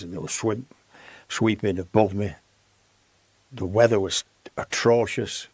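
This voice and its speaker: A man in his 80s, with a lowish voice, appears as a podcast guest and spins rambling, lively anecdotes full of restarts. It's storytelling in casual conversation, recorded without any room sound.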